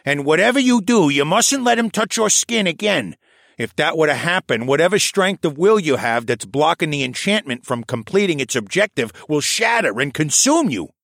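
A man's voice: a little high, moderate pace, gravelly, no room sound, voice pushed up, full character voice. A man voicing a wily old koala archivist. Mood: shrewd. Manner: crafty, knowing, animated. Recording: dry close studio sound.

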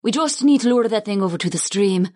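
Higher-pitched man doing a young mage woman, cocky and quippy, dry close sound. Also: animated, quick pace, darkish tone, dry recording. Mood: breezy. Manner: breezy, confident and quippy. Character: lively young female water mage. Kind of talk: audiobook character voice.

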